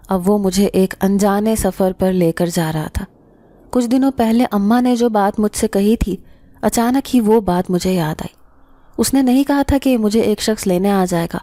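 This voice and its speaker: A woman storyteller giving a scripted first-person horror narration in a steady, measured reading. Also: medium pitch, dry recording.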